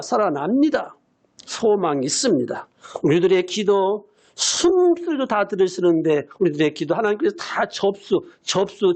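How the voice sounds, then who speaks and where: Preaching as senior pastor, an elderly man in his eighties speaks with a high voice. Key phrases come back again and again for emphasis, and at times he bursts into a shout.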